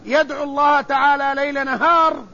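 A male preacher delivering a religious sermon in a slow, measured way, with solemn repetition. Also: extremely high pitch, level tone, sharp tone. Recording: dull lo-fi recording with faint noise.

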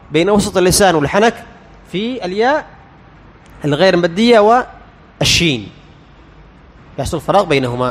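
A man teaching Quran recitation as a lecture. He quizzes the class, answers his own questions and sounds out letters slowly. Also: high voice, long reverb tail.

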